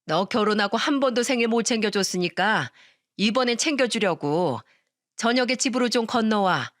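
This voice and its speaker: A woman's voice: fairly high pitch, animated, moderate pace, no echo, studio quality, natural voice. A woman voicing a pushy, scheming middle-aged mother-in-law in a narrated radio story, demanding and accusing. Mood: coaxing.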